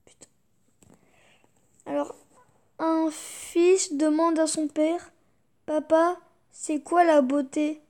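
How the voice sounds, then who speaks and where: A woman's voice: sits high, fairly even intonation, takes it slowly, pauses often, dark tone. A young woman YouTuber reading jokes aloud, fighting back giggles and muttering reactions between them.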